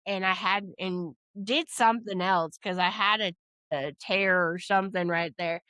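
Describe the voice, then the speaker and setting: A woman's voice: medium pitch, normal speed, bright, forceful tone, smooth, no room sound, studio quality. A woman co-hosting a podcast, telling a personal story in an earnest, rambling way, often restarting and quoting herself. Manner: earnest, rambling retelling with restarts and self-quotes. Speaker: podcast co-host. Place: podcast studio.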